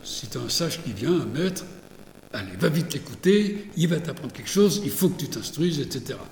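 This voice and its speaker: A man's voice: fairly high pitch, big pitch swings, moderate pace, vocal fry, darkish tone, roomy sound, long reverb tail, a little hiss or hum. A man giving a lecture on religious texts, digressive, with many fillers and restarts.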